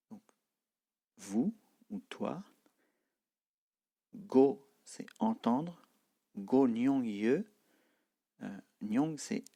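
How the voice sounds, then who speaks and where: Slow, gravelly-voiced man teaching a language. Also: on the low side, warm tone. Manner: hesitant, many filler sounds, repeats example phrases. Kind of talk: slow explanatory language lesson.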